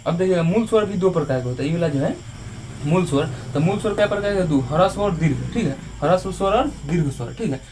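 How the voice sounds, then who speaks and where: A man's voice: sits high, expressive, quick pace, background noise. Patient male teacher. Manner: patient, repetitive, ends phrases with a check-in tag. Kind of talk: Hindi grammar lesson.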